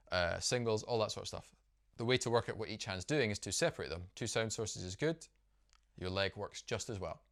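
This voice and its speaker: A man's voice: on the low side, a bit bright. Upbeat man teaching drum rudiments. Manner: upbeat, explanatory, counts rhythms aloud. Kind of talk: instructional video lesson.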